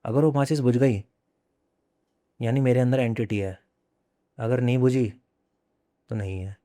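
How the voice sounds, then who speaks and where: A young man, a podcast guest, tells a personal ghost story in a conversational, unhurried way, often repeating and circling back over his own phrases. His medium-pitched voice is mellow, dark, and steady, recorded dry and close with no room echo.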